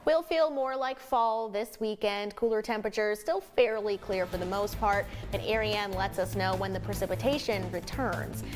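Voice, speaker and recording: A woman's voice: medium pitch, moderate pace, hardly any pauses, faint music behind. An American woman reading scripted news as a television anchor.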